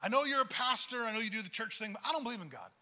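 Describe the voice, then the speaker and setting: A man's voice: very high-pitched, very animated, very fast, bright, forceful tone, full character voice. A man voicing a skeptical male barber, blunt and challenging, inside a spoken story. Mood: defiant.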